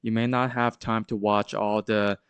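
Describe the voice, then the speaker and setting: On his crypto channel, a man whose voice is congested from a sore throat discusses market charts in a casual way, stumbling through hesitant fillers and restarts. The voice is lowish with little pitch movement and a moderate pace, the tone clean and the recording dry.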